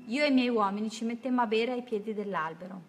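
A woman narrating a first-person adventure story in a steady, measured reading voice. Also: a little high, faint music behind. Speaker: audiobook narrator.

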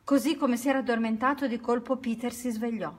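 A woman's voice: a little high, steady tone, slightly rough. Woman reading a children's story. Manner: unhurried reading with small self-corrections.

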